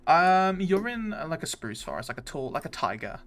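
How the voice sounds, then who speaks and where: A man's voice: a little high, sing-song, brisk, a bit bright. A man narrating a tabletop game as game master, hesitant with many fillers.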